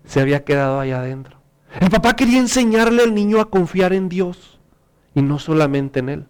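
Earnest high-voiced male preacher. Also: fairly quick, clear, resonant tone. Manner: earnest and animated, rises in pitch for emphasis. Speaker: pastor. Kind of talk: sermon with storytelling.

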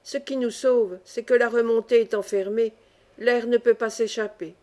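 A woman's voice: on the high side, steady tone, moderate pace, warm tone, close to an everyday voice. Woman reading as a patient old miner-schoolmaster. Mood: explaining calmly. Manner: patient, reasoning explanations. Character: wise old male mine schoolmaster, calm.

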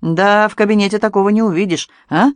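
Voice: mid-range voice, steady tone, fast talker, dry recording, voice pushed up, close to an everyday voice. An audiobook reader voicing a shrewd, wry male detective who speaks with dry irony, in a dry close recording.

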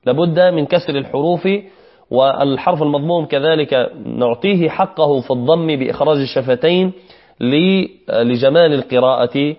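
Male recitation teacher, patient, repeats for students; slightly high voice, dull recording. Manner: patient, repeats each phrase slowly for students to echo. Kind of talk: recitation lesson, modeling verses slowly.

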